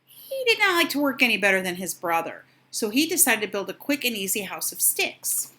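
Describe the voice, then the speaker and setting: Older woman, children's storyteller, expressive, dramatic emphasis, very lively pitch, bright tone. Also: fairly quick, slight background noise. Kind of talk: animated children's storybook reading.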